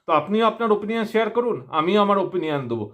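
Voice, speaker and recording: Man, West Bengal Bengali accent, high voice, talking through a face mask, vlog host addressing viewers. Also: lively intonation, racing, fairly bright tone. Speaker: YouTube opinion channel host. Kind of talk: self-introduction talk to viewers.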